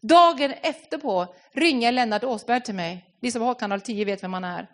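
A woman preaching a sermon, earnest and personal, often repeating words as she searches for the next phrase. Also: on the high side.

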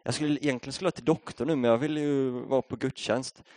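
A man's voice: medium pitch, steady tone, darkish tone, no room sound. A young Swedish man preaching a sermon, telling a story in a casual, conversational way before building up to a rousing appeal. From Sweden.

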